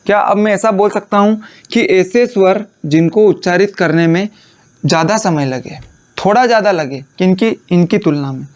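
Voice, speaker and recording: A man with a notably high-pitched voice gives a classroom-style lecture. He keeps posing questions and answering them himself, and he dictates definitions phrase by phrase, repeating each piece slowly so students can copy it into their notes. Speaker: Hindi teacher.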